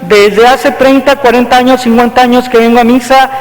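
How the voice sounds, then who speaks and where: A parish priest delivers a homily in an unusually high voice. He talks to the congregation casually, peppering his points with rhetorical questions. His voice rings through a church with a long, trailing reverb. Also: fairly even intonation, normal speed. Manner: conversational, rhetorical questions with frequent "¿verdad?". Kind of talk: sermon.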